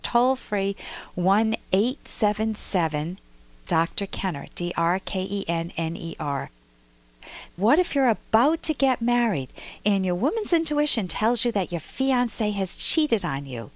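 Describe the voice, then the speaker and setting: A woman hosting a radio call-in advice show as a psychologist, telling a story in an animated way and acting out a child's voice. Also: mid-range voice, a little slow. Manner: animated storytelling, acts out a toddler's voice.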